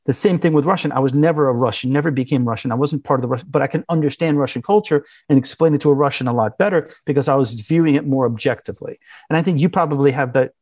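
Man, interview guest; halting, filler-heavy delivery; middle pitch, dry room. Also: darkish tone, breathy edge, dry recording. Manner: halting, many restarts and fillers. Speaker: interview guest, business owner. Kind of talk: conversational interview.

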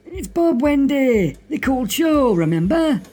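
Man as husky, animated Northern radio host. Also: very high-pitched, takes it slowly, faint music behind, exaggerated voice. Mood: jovial. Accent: Northern English. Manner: folksy, droll, exclamatory. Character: folksy Northern local radio host Bob, jovial and grumbling. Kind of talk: comic radio monologue and phone-in.

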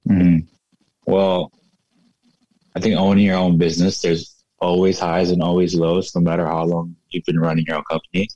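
A man in his thirties, raised in the United States, talking casually as a guest in an interview, relaxed and reflective with lots of "you know". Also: low voice, moderate pace, no echo, highs cut off. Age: 30s. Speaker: guest, fashion entrepreneur.

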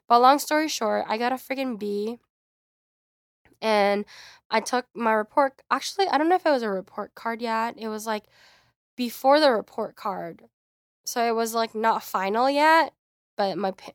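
A young woman hosting her podcast, telling a personal story in a chatty, animated way. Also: on the high side, dry recording, studio quality. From United States. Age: young adult. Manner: chatty, frequent "like", animated quoting. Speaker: podcast host. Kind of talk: casual storytelling monologue.

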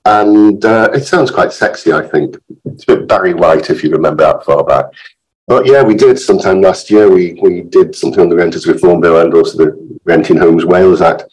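Deep, croaky man, hoarse from illness. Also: fairly quick, a little mellow, low-quality recording. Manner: chatty, wry asides. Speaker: guest legal expert. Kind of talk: informal podcast explanation.

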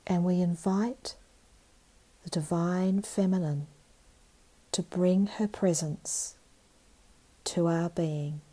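A woman guiding a meditation in a calm, meditative tone, with a soft, breathy voice and long pauses. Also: on the low side, poor audio. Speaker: meditation guide. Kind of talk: guided meditation narration.

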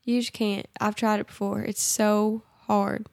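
A woman's voice: medium pitch, little pitch movement, unhurried, vocal fry, a little mellow, no room sound, clean studio sound. A woman co-hosting a faith podcast in easygoing chat, with a scratchy voice and a stopped-up nose. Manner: easygoing, lots of "like". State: congested, scratchy voice. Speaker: podcast co-host.

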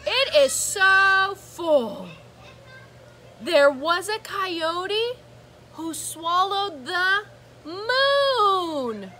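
A woman with a very high-pitched voice reads a rhythmic picture book aloud to children in a teacherly, animated, sing-song way. She draws out exclamations, gasps, and engages her listeners with asides and prompts, over a slight hiss or hum.

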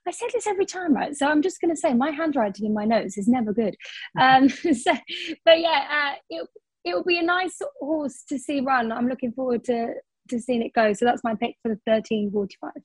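A woman's voice: high voice, fairly quick, slightly rough, dry recording, rough recording. A young woman co-hosting a racing tips podcast, chatty and full of ums, correcting herself as she goes. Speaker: racing tipster co-host. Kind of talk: casual podcast chat.

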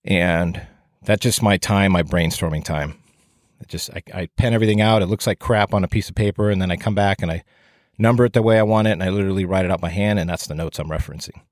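Low-pitched and fast-talking, a man rambles through a casual one-person podcast in a down-to-earth, self-mocking style. No echo is present, though his breaths are audible against the close microphone. He hosts the show and trains firefighters.

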